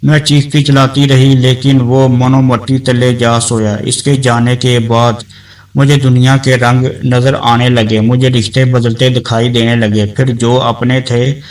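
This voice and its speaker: A man narrating a dramatic story in a woman's first person, reading in an even, measured way. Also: mid-range voice, far from the mic, poor audio.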